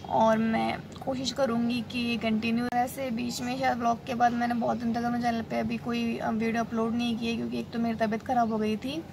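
Young woman vlogging outdoors on her phone, gravelly voice, loud street noise around. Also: fairly high pitch. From India. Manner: chatty, rambling, filler-heavy. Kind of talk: casual vlog talk to camera. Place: outdoors on a quiet railway colony road. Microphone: phone held at arm's length.

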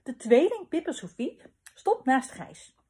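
Children's storyteller, female, husky, expressive and animated reading. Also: sits high, measured pace.

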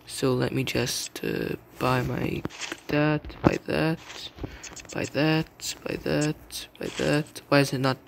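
A young man giving casual gameplay commentary, muttering to himself and repeating words rapidly in tense moments. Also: mid-range voice, fairly even intonation, gravelly. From English-speaking country with its own slang. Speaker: gamer. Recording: noisy home mic.

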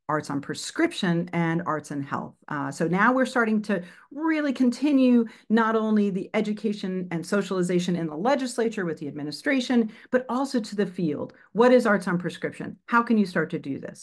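A woman presenting a webinar on arts advocacy, talking briskly through slides with many fillers and quick self-corrections. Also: fairly low pitch, lively intonation.

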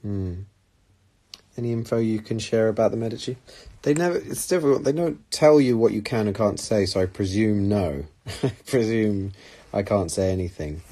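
Low husky-voiced man chatting on a livestream. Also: lively intonation, normal speed, mellow. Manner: rambling, self-deprecating, with laughs and fillers. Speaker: actor answering fan questions on a livestream. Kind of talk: casual livestream chat. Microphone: phone.

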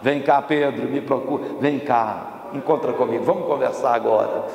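A man preaching voices Jesus calling a disciple aside, in a slow, earnest, coaxing way. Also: on the high side, roomy sound, in a large hall, lo-fi sound, natural voice. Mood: tender, urging.

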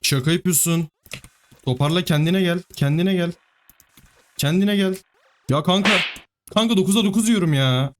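A man giving live gameplay commentary, excitable, pleading with the game and cursing at it. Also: sits high, moderate pace, long pauses, faint music behind. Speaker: gaming YouTuber.

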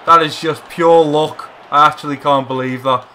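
A man giving excitable live commentary while playing a football video game, shouting encouragement at his players. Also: fairly high pitch, moderate pace, a little hiss or hum. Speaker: gamer playing a football career mode.

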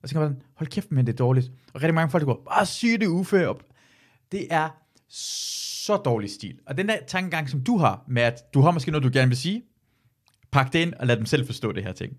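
A man hosting a podcast in casual chat, animated and ranting, swearing freely. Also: mid-range voice. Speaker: podcast host.

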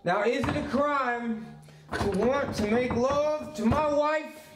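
Guy doing a drunk hothead husband, slow slurry bluster, mic kinda far, roomy echo. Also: a little high, expressive. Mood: drunk pleading. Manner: slurring bluster that flares into shouting. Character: hot-tempered drunk husband, blustering and defensive. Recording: echoey room, distant mic.

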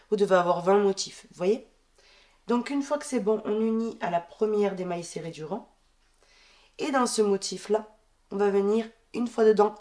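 Counting stitches out loud as she goes, a congested woman with a head cold guides viewers through a crochet pattern in a calm, level tone. Her voice is ordinary and mid-pitched for a woman, and every instruction stays plain. She hosts the crochet tutorial from a wooden table inside.

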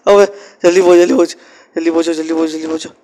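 A man's voice: a little high, steady tone, rapid-fire, background noise, close to an everyday voice. A man voicing a brash, foul-mouthed male gangster who swaggers and insults in an amateur game dub. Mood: frantic. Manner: swaggering, insulting, panics into yelling while racing.

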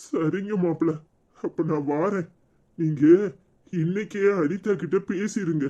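A man plays a polite, deferential cartoon father-in-law with a dark, slightly raised voice and a Tirunelveli Tamil accent. The recording sounds dull and lo-fi. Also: fairly high pitch, unhurried. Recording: muffled lo-fi recording.

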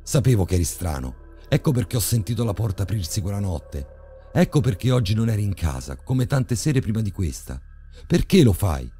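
A man voicing a frightened, furious young man who shouts out accusations. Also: low voice, very animated, moderate pace, soft background music, voice pushed up. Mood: accusing.

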